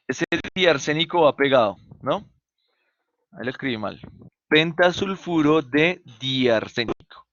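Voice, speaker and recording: A man's voice: mid-range voice, a bit bright, no room sound. Guy teaching chem online over a dull dry laptop mic, patient, asks stuff then answers it, colombian accent. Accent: Colombian Spanish. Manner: patient, asks questions and answers them himself. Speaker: chemistry teacher. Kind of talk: online class lecture. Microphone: computer mic on a video call.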